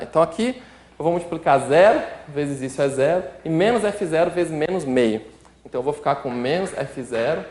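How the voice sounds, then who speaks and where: The speaker is a math instructor with a Brazilian Portuguese accent and a voice that is a little high and a little mellow. He teaches calculus step by step, writing out and working through sums while regularly checking in with the listener, and the recording has a roomy echo.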